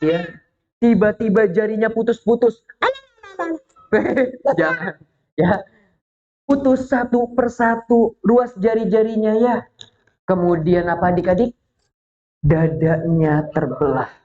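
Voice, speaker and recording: Slow, playful woman telling a children's story. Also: mid-range voice. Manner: animated, playful, asks the children questions. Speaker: children's religious teacher. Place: mosque. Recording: dull lo-fi recording.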